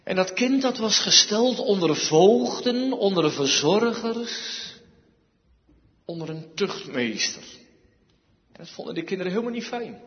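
A male preacher giving an emphatic sermon, with dramatic pauses and repeated phrases. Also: high voice, animated. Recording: dull sound, echoey hall.

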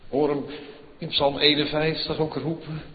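A man preaching a sermon as pastor, swinging between hushed words and loud fervent calls. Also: a little high, level tone, normal speed, in a large hall, narrow, tinny audio.

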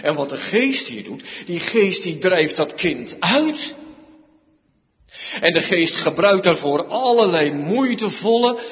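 A male preacher giving an emphatic sermon, with dramatic pauses and repeated phrases. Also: sits high, very animated. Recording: dull sound, echoey hall.

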